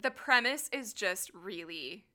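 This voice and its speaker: A woman's voice: mid-range voice, lively intonation, measured pace, sharp tone. A woman co-hosting a casual book chat, amused and giggly as she describes a book. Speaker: podcast co-host.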